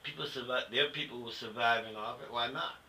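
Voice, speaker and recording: A man's voice: mid-range voice, fairly quick, sharp tone, low-quality recording. An older American man, a veteran looking back in a conversational interview, speaking bluntly and colloquially with emphatic opinions. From United States. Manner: colloquial, emphatic, punctuated with "you know". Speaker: interviewee, Vietnam War veteran. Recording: faint background noise.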